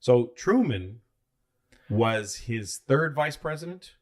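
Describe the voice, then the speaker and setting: A man co-hosting a podcast, telling history stories in a rambling, profane, animated way. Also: mid-range voice, slow. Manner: rambling, profane, animated storytelling with many restarts. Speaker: podcast co-host. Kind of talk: casual storytelling chat.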